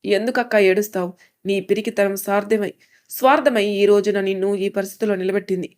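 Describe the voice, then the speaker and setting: A woman reading a blunt, sharp-tongued young woman. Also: mid-range voice, fairly even intonation, fairly quick, natural voice. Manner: blunt, lecturing.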